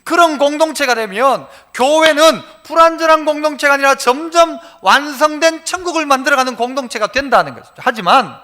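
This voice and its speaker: A man's voice: extremely high pitch, animated, a little fast, few pauses. A middle-aged male pastor with a Gyeongsang accent, preaching a sermon, sometimes dropping into dialect and acting out quotes. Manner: preaching with dialect asides and acted quotes, varying loudness.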